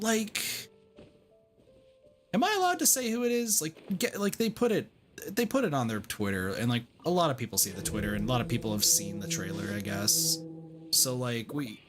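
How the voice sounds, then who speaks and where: With video game music in the background, a game streamer in a slightly bright, mid-range voice chats casually on a livestream. The speech is rambling and repetitive, blunt and full of curses, with frequent use of "like."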